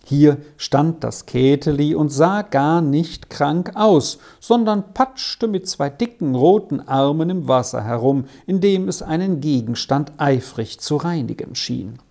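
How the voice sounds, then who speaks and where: A narrator reading a children's story aloud in a calm, measured way. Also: medium pitch. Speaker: audiobook narrator.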